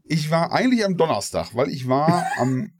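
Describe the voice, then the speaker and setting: A man's voice: a little high, big pitch swings, normal speed, no echo. Dry-sounding Ruhr German man telling stories. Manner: rambling anecdotal storytelling, acts out quoted voices. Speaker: podcast co-host. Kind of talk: casual chat.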